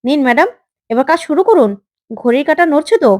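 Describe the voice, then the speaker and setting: A woman's voice: high voice, lively intonation, fast talker, darkish tone, no echo, studio quality. A woman voicing a bold young working woman in a retold story, in a firm, lecturing manner. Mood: defiant.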